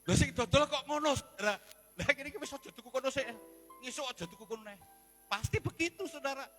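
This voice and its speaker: A man with a Javanese accent, a pastor preaching a sermon in an animated, joking way. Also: extremely high pitch, fast, music in the background. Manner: animated, joking, acts out quoted voices. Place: church service.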